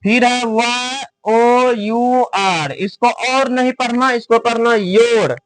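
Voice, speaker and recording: A man teaching a classroom lesson. He spells words out letter by letter, slowly, and keeps asking the class to repeat after him. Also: very high-pitched, fairly even intonation, a bit bright. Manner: repeats and drills, asking the class to answer back.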